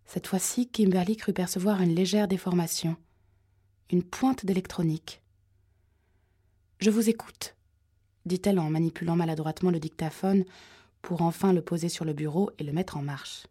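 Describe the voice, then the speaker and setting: A woman reading a thriller audiobook in a measured, suspenseful way. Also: lowish voice, fairly even intonation, dark tone, husky. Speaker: audiobook narrator. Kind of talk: scripted narration.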